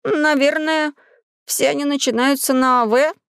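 A woman's voice: sits high, sing-song, fairly quick, fairly bright tone, no echo, clean studio sound, pitched above the performer's own voice, exaggerated voice. Woman doing a timid curious boy. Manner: wondering, unsure.

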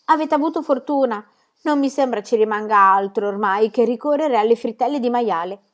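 A woman doing a loud, cheeky little girl. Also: fairly high pitch, fairly quick, natural voice. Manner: loud, exclaiming, playful. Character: bold cheeky young girl, boastful.

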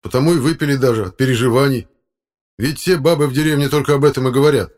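A man's voice: mid-range voice, quick pace, a little mellow, voice pushed up, natural voice. A man voicing a young village driver who speaks in a soothing, reasoning way. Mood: placating.

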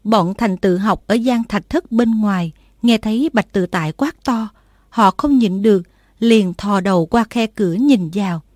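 A woman reading a martial arts novel aloud as an audiobook narrator, in a steady storytelling manner. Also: mid-range voice, measured pace, no echo, clean studio sound.

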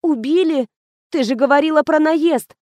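Woman voicing a frightened young mother, anxious, high voice, dry close sound. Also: moderate pace, darkish tone, no room sound, close to an everyday voice. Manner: anxious, gasping.

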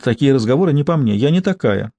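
A man's voice: mid-range voice, animated, fast talker, dark tone, dry recording. A man voicing a prim, prudish young woman who works as a bank clerk, in an audiobook reading. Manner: prissy and disdainful. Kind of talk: audiobook character voice.

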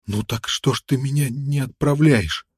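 A man's voice: medium pitch, normal speed, a little mellow, slightly rough, no echo, studio quality, close to an everyday voice. A man voicing a worn-out, toothless fur trader who stammers and pleads ingratiatingly in an audiobook. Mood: pleading.

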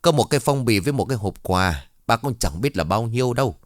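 A man's voice: medium pitch, lively intonation, fast talker, no echo, clean studio sound, lightly acted. A man voicing a kindly, chatty older village man who worries easily. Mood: friendly.

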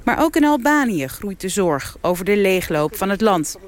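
A woman's voice: mid-range voice, very animated, moderate pace. Woman narrating a radio news report. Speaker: foreign correspondent.

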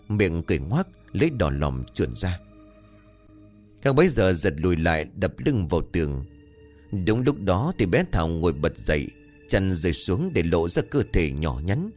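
A man narrating a horror story in a dramatic, expressive way. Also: deep voice.

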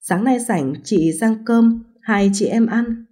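A woman voicing a tearful young village wife, soft and choked, in a told story. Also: on the high side, takes it slowly, breathy edge. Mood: gentle.

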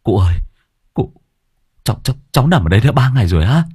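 A man reading an audiobook, voicing a rough but loyal young male vagabond who pleads frantically and stammers. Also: low-pitched, very animated, fairly quick, darkish tone, dry recording, studio quality, exaggerated voice. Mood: shocked.

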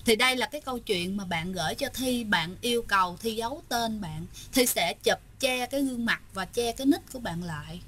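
A woman's voice: fairly high pitch, a bit bright, slight background noise. A woman casually telling a ghost story, often turning to address her listeners.

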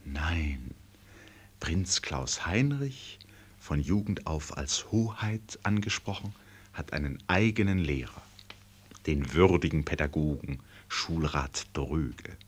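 An actor as the urbane narrator of a radio play, telling the story in a measured, ironic way. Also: male voice, a bass voice, lively intonation, breathy edge, exaggerated voice. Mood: wry. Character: wry, urbane male storyteller.

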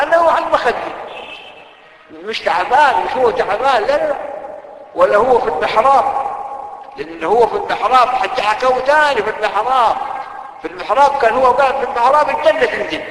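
A man with an Egyptian accent preaching a sermon, lively and full of rhetorical questions to his listeners. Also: high-pitched. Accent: Egyptian Arabic. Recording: echoey hall with long reverb.

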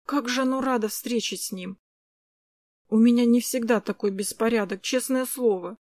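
A woman narrating a first-person story in lively audiobook style with acted dialogue. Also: fairly high pitch, moderate pace, no room sound.

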